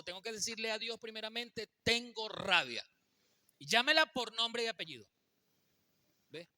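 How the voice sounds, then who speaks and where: A man's voice: a little high, sharp tone, no echo. A man giving a faith-based teaching talk on marriage, speaking emphatically and often checking in with his listeners.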